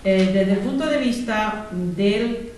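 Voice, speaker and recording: A woman's voice: medium pitch, takes it slowly, a little mellow. A woman from teaching a spiritual class to a group, asking them questions and repeating lists of examples. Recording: very echoey room, distant mic, faint hiss.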